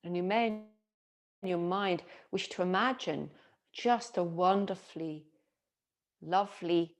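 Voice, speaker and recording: A female yoga teacher leads a relaxation meditation, speaking soothingly and gently with long pauses, in a fairly low-pitched voice.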